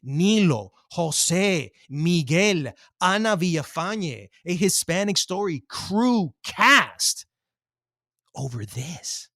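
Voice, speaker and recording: A man's voice: high voice, big pitch swings, takes it slowly, sharp tone, dry recording. Podcast co-host guy, argues hard, voice jumping up and down, dry close mic. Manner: argumentative, emphatic, swears. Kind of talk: heated casual debate.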